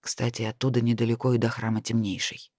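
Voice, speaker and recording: A man reading an audiobook voices a calm, secretive male necromancer who speaks in a hushed, measured way. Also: medium pitch, no echo, studio quality, pitched below the performer's own voice, lightly acted.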